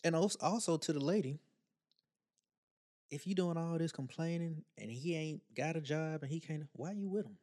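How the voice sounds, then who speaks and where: A man's voice: fairly high pitch, normal speed, a little mellow. Man giving teasing relationship advice. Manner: teasing, playfully petty joking. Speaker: podcast co-host giving advice. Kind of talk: casual chat.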